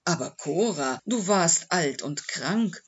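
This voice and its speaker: A man's voice: a little high, animated, slow, fairly bright tone, breathy edge, dull audio, full character voice. A man voicing a remorseful very old man. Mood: defensive. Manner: pleading, regretful. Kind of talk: audiobook reading.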